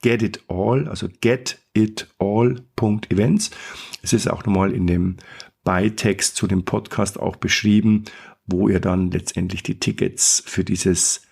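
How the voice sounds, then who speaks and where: Gravelly-voiced man hosting a podcast. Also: lowish voice, steady tone, unhurried, darkish tone. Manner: enthusiastic, rambling with restarts. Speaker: podcast host. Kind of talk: casual podcast monologue.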